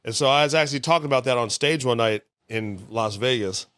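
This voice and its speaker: A man's voice: mid-range voice, fast, smooth, no room sound, clean studio sound. A man who is a stand-up comedian, telling stories in a casual podcast interview and acting out the people he quotes. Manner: animated storyteller, acts out quoted voices.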